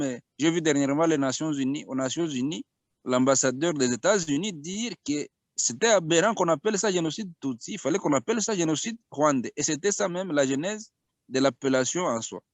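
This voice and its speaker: A man's voice: a little high, no echo. A man from the Congo speaking as a guest in a radio interview, arguing earnestly and often restarting his phrases. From Congo (DRC).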